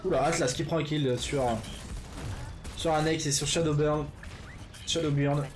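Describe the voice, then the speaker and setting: Slight background noise sits behind this fairly high-pitched, steady male voice. He's an esports caster doing live game commentary, talking in a loose, chatty way full of fillers and catching his mistakes on the fly.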